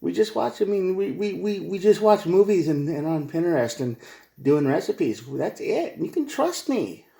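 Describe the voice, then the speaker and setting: A man voicing a smooth-talking, lying partner who stammers reassurances in a raised, put-on voice. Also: sits high, very animated, moderate pace, mellow, pitched above the performer's own voice, exaggerated voice. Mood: falsely reassuring.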